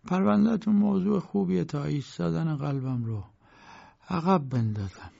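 A man voicing a frail, bedridden old lawyer who speaks slowly and weakly in an audiobook, on a dull lo-fi recording. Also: on the high side, gravelly, pitched above the performer's own voice. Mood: weary. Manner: slow, weak, soft-spoken. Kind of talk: audiobook character voice.

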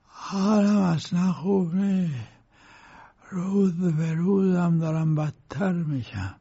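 A man voicing a frail, bedridden old lawyer who speaks slowly and weakly in an audiobook, on a dull lo-fi recording. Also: high-pitched, vocal fry, slightly rough, voice pushed up, heavily acted. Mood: weary. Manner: slow, weak, soft-spoken. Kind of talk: audiobook character voice.

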